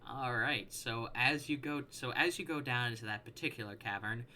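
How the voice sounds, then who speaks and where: A man narrating as game master for a tabletop role-playing game, relaxed and hesitant, often restarting his sentences. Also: mid-range voice, moderate pace, very noisy.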